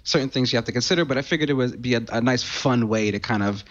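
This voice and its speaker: A man appearing as a guest programmer, explaining casually and haltingly with lots of ums and restarts. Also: mid-range voice, fairly bright tone. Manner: hesitant, full of ums and restarts. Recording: dull lo-fi sound.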